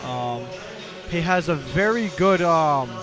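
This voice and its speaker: Guy casually calling a fight, bit hesitant, slightly high voice, music blasting behind him. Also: animated, takes it slowly. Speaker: fight commentator. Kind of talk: casual live fight commentary.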